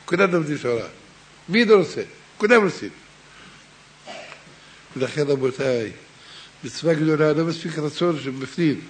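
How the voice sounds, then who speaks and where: A man preaching a Torah sermon and telling a parable, swinging between hushed and raised delivery, addressing his listeners directly. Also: a little high, expressive, long pauses, a little hiss or hum.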